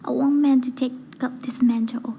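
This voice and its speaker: Reading a prepared speech aloud, this woman, who is learning voice acting, sounds careful and earnest. Her fairly high, very mellow voice stays steady with barely any pitch movement, moving at normal speed over faint background noise.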